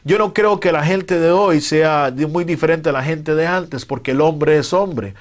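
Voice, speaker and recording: Fervent preacher, man with a higher voice. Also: a little slow. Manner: fervent, rising to loud emphatic retellings. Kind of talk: sermon.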